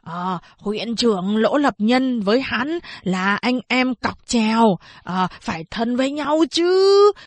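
A woman voicing a blind old man who pleads and wails with slow, drawn-out speech full of hesitant fillers. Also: a little high, lively intonation, dry recording. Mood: pleading.

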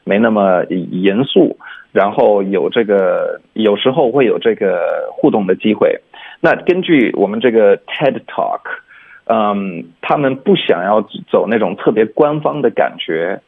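A man working as an English teacher on a radio lesson, explaining pronunciation in a relaxed way and dropping English words into his speech. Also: fairly low pitch, a little slow, vocal fry, breathy edge, phone-quality sound.

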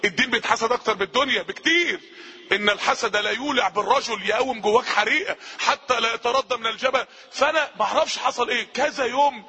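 A man with an Egyptian accent preaching a sermon, impassioned, repeating phrases for emphasis and sometimes rising to shouts. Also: extremely high pitch, slightly rough. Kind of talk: recorded sermon.

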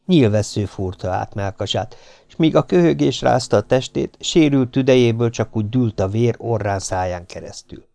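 A man reading an adventure novel aloud as an audiobook narrator, steady and even. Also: mid-range voice, creaky, no room sound. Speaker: audiobook reader. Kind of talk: scripted narration.

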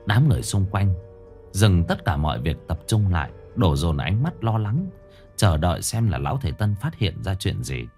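A man narrating a ghost story in a lowish voice that swoops with lively, dramatic intonation. He reads with suspense, and faint music plays underneath.

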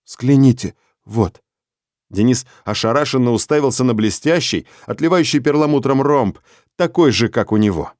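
A man reading a dark story aloud in a steady, measured way. His voice sits in the middle range for a man. The recording is dry and close, with no room sound. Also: medium pitch, no room sound. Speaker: narrator. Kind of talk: audiobook story narration.

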